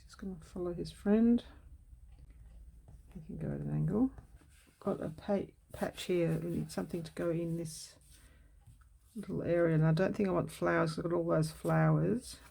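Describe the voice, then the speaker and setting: A woman's voice: lowish voice, moderate pace, vocal fry, long pauses, warm tone, husky. A woman talking casually as she works on a collage for her craft video, thinking aloud and changing her mind. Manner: muses aloud while working, self-correcting.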